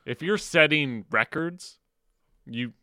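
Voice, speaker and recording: A man's voice: fairly high pitch, takes it slowly, pushed and bright, dry recording, clean studio sound. A man co-hosting sports radio, speaking in casual sports talk.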